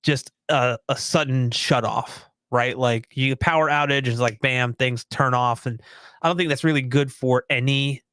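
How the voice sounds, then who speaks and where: Smooth-voiced man rambling casually. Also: medium pitch, fairly even intonation, moderate pace, a bit bright, no room sound. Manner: rambling, easygoing and self-deprecating. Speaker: podcast co-host. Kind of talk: casual live-stream chat.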